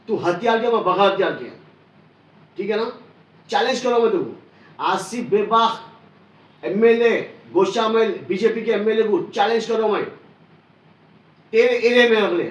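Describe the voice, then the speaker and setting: A man delivering an angry, combative political rant, forceful and repetitive. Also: high voice. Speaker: online news commentator. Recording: echoey room, distant from mic.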